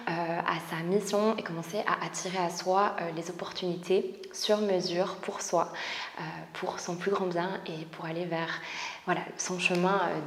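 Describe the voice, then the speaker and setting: A woman with a French accent guiding a yoga class, giving soft, calm breathing cues that often drop to a whisper. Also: on the low side. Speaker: yoga teacher and spiritual coach. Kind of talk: guided yoga class instruction. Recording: roomy echo with long reverb, faint background noise.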